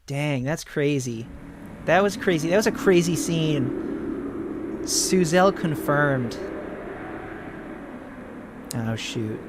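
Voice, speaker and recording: Excitable man streaming a game. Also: on the high side, takes it slowly, pauses often, background noise. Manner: excitable, rambling, exclaims often. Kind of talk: live gameplay commentary.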